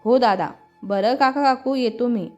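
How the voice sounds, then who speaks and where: A playful, teasing young man in love, as a woman narrator reads him, fairly high in pitch. Quiet music runs under a slightly dull sound. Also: unhurried, natural voice. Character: young groom, playful and romantic. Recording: slightly muffled with soft music.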